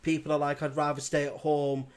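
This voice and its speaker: A man's voice: on the high side, little pitch movement, clean tone. A man interviewing a band in casual chat, rambling with many restarts. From England. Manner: rambling, laughs often, halting restarts.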